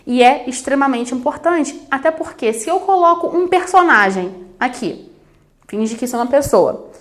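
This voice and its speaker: Brazilian woman teacher, fairly high voice, explaining sign language to camera in a studio. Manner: explanatory, direct to camera, addresses students. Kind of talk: recorded video lesson. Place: studio with plain backdrop. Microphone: camera-facing studio recording.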